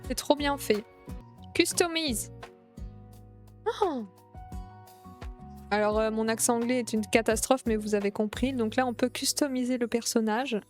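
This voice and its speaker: A young woman streamer chatting excitedly while playing a game, gushing over everything she sees. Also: a little high, a little fast, hardly any pauses, faint music behind. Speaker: Twitch streamer. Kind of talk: casual gameplay streaming.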